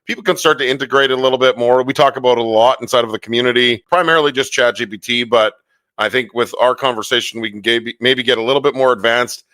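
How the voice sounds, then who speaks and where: A man's voice: medium pitch, steady tone, fast, fairly bright tone, dry recording. Enthusiastic, profane man hosting a podcast. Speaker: podcast host. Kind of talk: casual interview chat.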